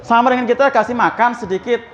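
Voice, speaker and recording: A man delivers a mosque sermon in a high, lively register. He chats with the congregation, throws questions at them and acts out the voices in his story. The recording is a little dull and carries faint background noise. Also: fast, in a large hall. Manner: chatty, asks the congregation questions, acts out dialogue. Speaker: preacher. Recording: slightly dull, faintly noisy.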